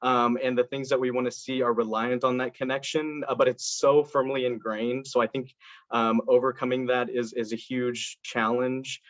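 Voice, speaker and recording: Running in a student election, a young man from Indiana gives a campaign speech and takes questions with earnest effort, though fillers and restarts pile up. His mid-range voice barely moves in pitch at a normal speed, coming through dull, dry, lo-fi video call audio with no room sound.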